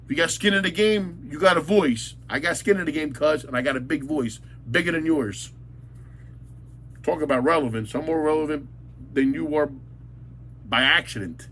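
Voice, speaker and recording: A local commentator rants angrily about local matters in a monologue, blunt and insulting, repeating words for emphasis. His voice is on the high side and fairly bright at normal speed, with slight background noise.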